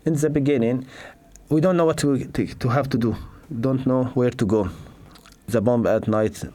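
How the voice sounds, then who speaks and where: A middle-aged man from Syria with a Syrian accent, telling his family's story in halting non-native English full of fillers and restarts. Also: medium pitch, warm tone. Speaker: interviewee, father. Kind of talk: personal testimony.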